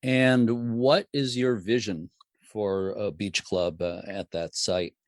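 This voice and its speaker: A man hosting a podcast, interviewing a guest over a video call in a relaxed, friendly way. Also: fairly low pitch, takes it slowly, dry recording, clean studio sound. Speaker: podcast host.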